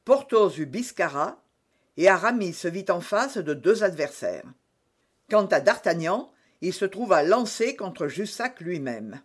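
A man narrating an adventure audiobook with expressive, dramatic storytelling. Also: high voice, a little slow, breathy edge.

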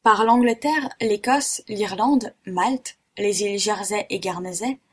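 Unflappable boy pupil, calm recitation, husky; woman reader. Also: mid-range voice, measured pace. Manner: calm, matter-of-fact recitation.

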